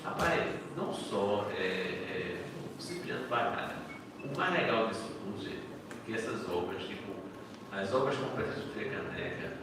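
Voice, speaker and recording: A man's voice: on the low side, lively intonation, moderate pace. A man, a history professor speaking informally at a panel, enthusiastic and conversational, often restarting his sentences. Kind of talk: informal academic talk at a panel. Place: lecture hall. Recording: echoey hall, distant mic, background noise.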